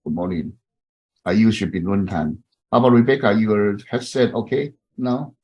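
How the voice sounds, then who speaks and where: A man in his fifties from Taiwan with a Taiwanese accent, a professor introducing himself to an online class in halting speech full of fillers and restarts. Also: fairly low pitch, warm tone, dull audio.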